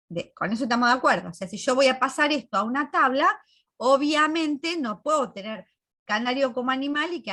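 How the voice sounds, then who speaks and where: A woman's voice: fairly high pitch, fairly bright tone. A woman computing teacher, walking students through a class step by step and checking they follow. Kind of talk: recorded class walkthrough.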